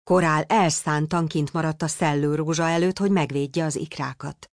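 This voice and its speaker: Low, gravelly woman reading a tale. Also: dry recording, studio quality. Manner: expressive, animated storytelling. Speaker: narrator. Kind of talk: storybook reading aloud.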